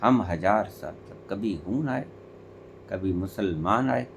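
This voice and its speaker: Slow, animated male spiritual teacher. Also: lowish voice, a little hiss or hum. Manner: emphatic, rhetorical questions, deliberate pauses. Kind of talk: spiritual discourse.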